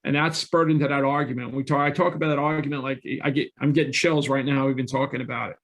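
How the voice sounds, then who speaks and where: A man's voice: mid-range voice, fairly even intonation, quick pace, vocal fry, a bit bright. A middle-aged man, a guest on an interview show, telling his own story in an earnest, candid way, often restarting his sentences. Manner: earnest, frequent restarts and self-corrections. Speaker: guest, real estate investor.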